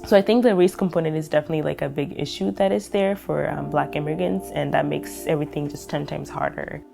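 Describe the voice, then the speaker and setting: A woman's voice: low voice, steady tone, fast talker, creaky, music in the background. A young woman from Kenya, telling her story in a documentary interview, reflective and full of fillers. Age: young adult.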